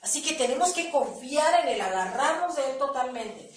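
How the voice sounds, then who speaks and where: A woman giving an animated sermon testimony, acting out her prayers and conversations. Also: sits high, moderate pace, a little hiss or hum. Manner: animated, acts out dialogue with God. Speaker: church speaker giving testimony. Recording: echoey room, mic at a distance.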